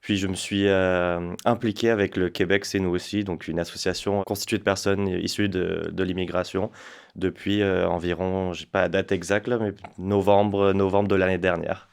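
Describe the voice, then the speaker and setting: A French man in his twenties, appearing as a guest spokesperson in an interview, talks casually in a deep, gravelly voice that is clear and resonant, with a flat delivery at a moderate pace. He hesitates a lot, using many fillers and restarts.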